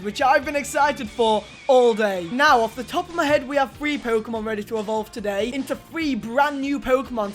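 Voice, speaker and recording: A gaming video host giving excited gameplay commentary, talking straight to viewers with hyped, emphatic repetition. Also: high voice.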